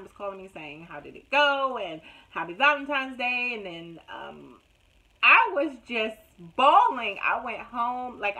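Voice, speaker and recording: A young adult woman telling her story in a casual, animated vlog, with dramatic retelling and laughs. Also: medium pitch, low-quality recording. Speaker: nurse vlogger.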